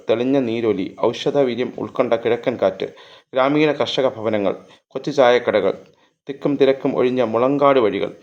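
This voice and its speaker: A man narrates a literary story at a measured pace, lingering over long lyrical lists and now and then restarting a word. His voice sits at an ordinary male pitch, and the recording is slightly dull and lo-fi.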